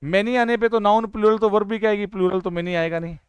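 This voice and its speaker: A man teaching an exam-prep grammar lesson. He asks questions and answers them himself, and draws out his English example sentences slowly. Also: sits high, level tone, smooth, dry recording, lo-fi sound.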